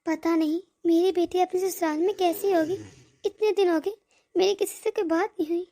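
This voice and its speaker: Woman voicing a soft, fretting older mother. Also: very high-pitched, fairly even intonation, moderate pace, voice pushed down. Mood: anxious. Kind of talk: cartoon voice acting.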